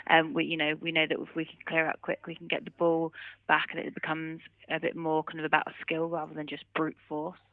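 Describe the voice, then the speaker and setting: This is a casual post-match interview by phone, where a low-voiced woman answers as a rugby player in loose, hedging run-ons laced with "kind of" and "you know." The telephone audio is muffled and narrowband, with no echo.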